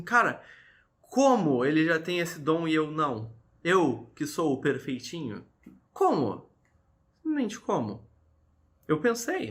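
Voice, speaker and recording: A man's voice: fairly high pitch, bright, forceful tone. A man, talking to camera in an earnest, confessional way about his faith. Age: early 20s. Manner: earnest, preachy, addresses viewers directly with frequent "tá?". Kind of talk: casual confessional talk to camera.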